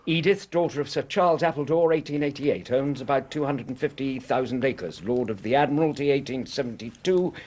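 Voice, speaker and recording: A man plays a loyal, courteous Victorian doctor in a radio drama. His medium-pitched voice is husky, and he speaks in a steady, polite, slightly muttering way. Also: a little fast, hardly any pauses, lightly acted. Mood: bookish. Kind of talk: period radio drama acting.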